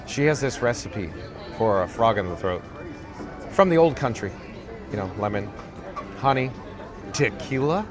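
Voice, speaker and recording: With a medium-pitched, raspy voice, a man casually livestreams from a parade route, reading chat in a dry, self-deprecating monotone at a measured pace with long pauses. His handheld camera rig records him, and an outdoor crowd and music sit in the background.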